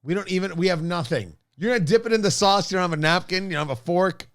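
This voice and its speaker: A man's voice: high-pitched, quick pace, fairly bright tone. A man hosting a podcast, bantering casually with an exasperated, sarcastic manner. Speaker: podcast host.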